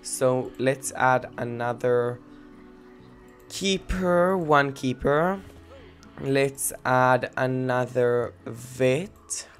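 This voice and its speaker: Very slowly, and with faint music in the background, a young let's-play gamer rambles and giggles through his commentary in a medium-pitched voice, using many fillers. His nose is blocked from a cold.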